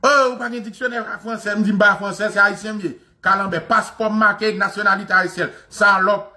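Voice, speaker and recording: A Haitian man hosting a show, ranting in an animated, mocking way, with lots of repetition and frequent laughter. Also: high-pitched, brisk. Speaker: show host. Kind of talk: impassioned commentary rant.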